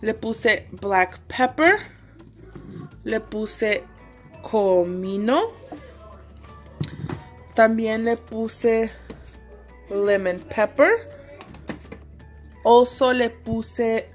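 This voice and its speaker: A woman's voice: on the high side, expressive, very slow, pauses often, faint music behind. A young woman vlogging from her home kitchen, chatting casually and switching between English and Spanish as she cooks. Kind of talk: casual cooking vlog chat. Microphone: handheld phone camera.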